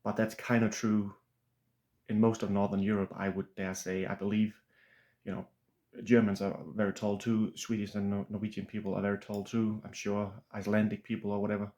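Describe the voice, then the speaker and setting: Danish-accented male author, flat throaty voice on the low side, halting unscripted chat. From Denmark. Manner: halting, many restarts and fillers. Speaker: author and channel host. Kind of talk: casual unscripted monologue.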